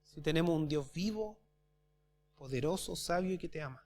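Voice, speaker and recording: A man preaching a sermon as pastor at a church service, asking his congregation rhetorical questions and swinging between loud and soft. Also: a little high, lively intonation, moderate pace. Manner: addresses congregation as brothers.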